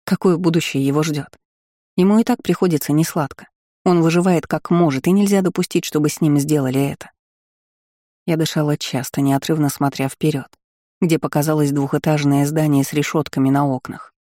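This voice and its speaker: A man reads an audiobook aloud with expressive delivery. His voice is slightly high but dark and mellow. The sound is close and dry, with no room. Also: a little fast, no room sound. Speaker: audiobook reader. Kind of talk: scripted narration.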